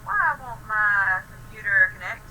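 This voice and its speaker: A young woman chatting with a friend over the phone, excitable and animated, swearing often as she tells stories. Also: mid-range voice, unhurried, a little hiss or hum, rough recording. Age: young adult. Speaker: friend on a call. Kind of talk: casual chat.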